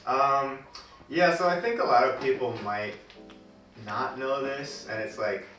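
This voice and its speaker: A man's voice: mid-range voice, expressive, unhurried, fairly bright tone, faint music behind. A young man co-hosting a casual podcast chat, laughing often, loose and rambling. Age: young adult. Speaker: podcast co-host. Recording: very echoey room, mic far off.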